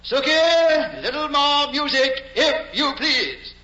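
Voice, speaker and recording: Showy talent-show emcee. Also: male voice, extremely high pitch, lively intonation, slow, sharp tone, heavily acted. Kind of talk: 1940s radio acting. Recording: dull old radio recording, roomy.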